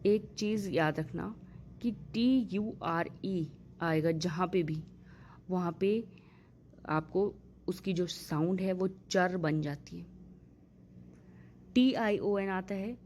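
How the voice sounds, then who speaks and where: A woman teaching English vowel sounds in a patient lesson, spelling out example words slowly. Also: fairly low pitch, darkish tone, a little hiss or hum. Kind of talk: Hindi-language pronunciation lesson.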